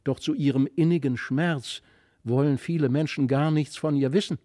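A man reading the lines of a mysterious fairy child in a fairy-tale audiobook, softly earnest and wistful. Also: on the high side, moderate pace, no echo, clean studio sound, voice pushed up, lightly acted. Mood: gentle.

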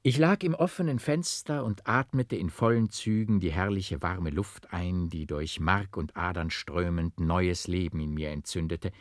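A man reads a literary novel aloud in a measured, dramatic way, with a lowish voice. The sound is dry and close, with no room echo. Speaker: audiobook narrator. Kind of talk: scripted literary narration.

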